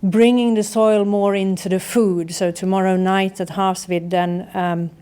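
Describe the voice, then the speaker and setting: A woman's voice: medium pitch, steady tone, a little slow, mellow, smooth. A woman organizing an event, giving friendly, rambling welcome remarks with many fillers.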